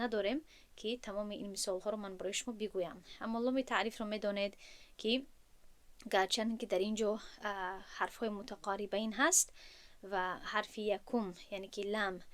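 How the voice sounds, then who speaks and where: A woman from Tajikistan with a Tajik Persian accent, teaching a tajwid lesson with patient explanations and slow, drawn-out recited examples. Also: medium pitch.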